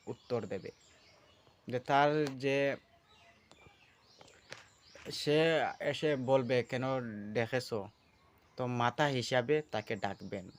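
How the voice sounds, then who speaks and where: A man giving casual spoken instruction for his channel, earnest and repeating himself. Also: medium pitch. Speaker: channel host teaching a ritual.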